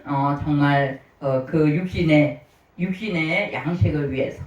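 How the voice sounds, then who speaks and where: A middle-aged woman gives a homely sermon, chatty and lively, laughing often as she tells her stories. Her voice sits at an ordinary pitch and comes from some way off the mic. The church hall around her rings with echo. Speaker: preacher at a small church. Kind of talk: sermon told through personal stories. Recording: roomy hall, voice from a distance.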